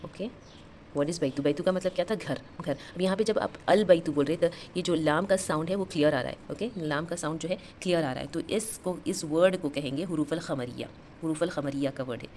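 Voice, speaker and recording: Low-pitched woman teacher, patient drilling, faint background hiss. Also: a little mellow. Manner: repeats each term and drills example words slowly. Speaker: Arabic teacher. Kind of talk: explaining lesson, mixing Hindi and English.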